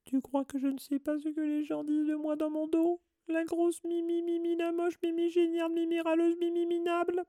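A man's voice: extremely high pitch, monotone, brisk, few pauses, mellow, dry recording, studio quality, voice pushed up. A man voicing a sulky, tearful schoolgirl ghost who whines and sobs in self-pity. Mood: wailing. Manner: whiny, sobbing, self-pitying.

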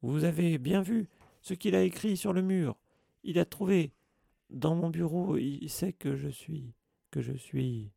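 Casting : homme jouant un vieux concierge hystérique, aigu, qui hurle ses accusations. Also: male voice, sits high, moderate pace, vocal fry, mellow, breathy edge, no echo, studio quality, pitched above the performer's own voice, exaggerated voice. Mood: furieux. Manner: shrieking, accusing. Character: shrill furious old male caretaker.

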